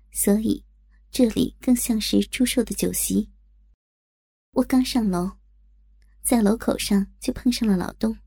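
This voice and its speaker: A woman reads a first-person audiobook story with a somewhat high but dark, mellow voice. There is a gravelly, husky grain to her tone, and she tells it in a lively way, voicing the dialogue herself. The recording is dry and close. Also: no room sound.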